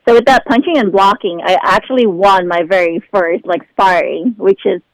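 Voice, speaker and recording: A woman's voice: medium pitch, moderate pace, no echo, poor audio. A young woman from the Philippines chatting as a guest, talkative and loose, with many fillers and laughs. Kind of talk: casual chat.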